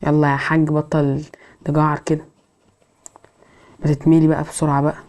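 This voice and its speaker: A woman with an Egyptian accent giving excitable let's play commentary, scolding the game characters. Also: low voice, a little fast. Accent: Egyptian Arabic. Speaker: gamer.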